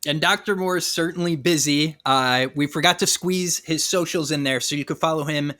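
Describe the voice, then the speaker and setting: A man's voice: on the high side, normal speed, pushed and bright. A man hosting a podcast, chatting casually and plugging a product with lots of fillers and self-deprecating jokes. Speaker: podcast host.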